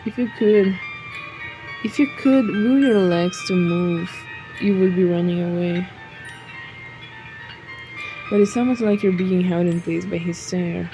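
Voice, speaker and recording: Lady reading a romance game out loud, cracks jokes, kinda low voice, music going in the back. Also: measured pace, long pauses, poor audio. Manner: reads narration, breaks off to joke and laugh. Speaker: game streamer. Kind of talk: reading a visual novel aloud with commentary.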